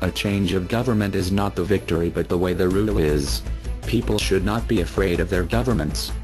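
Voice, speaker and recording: A man speaking through a disguised deep voice effect, reading a scripted address slowly and without emotion. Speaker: anonymous spokesman.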